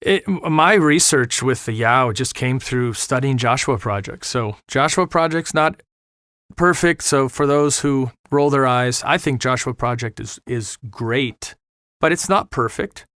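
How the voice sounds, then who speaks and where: As a missionary guest on a podcast, a middle-aged man talks earnestly and with preacher-like fervor, repeating words for emphasis. His medium-pitched voice is unhurried, smooth and a bit bright, in a studio recording with no room sound.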